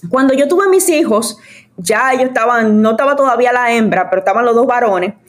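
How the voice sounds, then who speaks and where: A woman's voice: fairly high pitch, fairly quick. A woman, passionately telling her story as an evangelist guest. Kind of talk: casual testimony chat.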